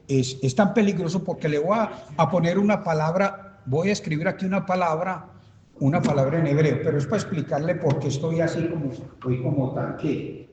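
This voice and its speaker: A man, a pastor, teaching a Bible study in a church, speaking haltingly and emphatically, repeating points as he writes them on a board. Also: on the high side, a little mellow, slight background noise. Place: church hall. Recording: reverberant church hall.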